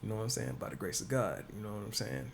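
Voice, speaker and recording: A man co-hosting a podcast in casual chat, telling stories slowly and often saying "you know what I'm saying". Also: on the low side, animated, creaky, a little hiss or hum. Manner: laid-back storyteller, says "you know what I'm saying" a lot. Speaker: podcast co-host.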